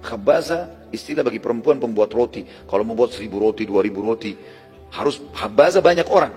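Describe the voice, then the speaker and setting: A man's voice: on the low side, lively intonation, a little fast, darkish tone, long reverb tail, faint music behind. A man preaching in a conversational storytelling lecture who stops to explain Arabic words.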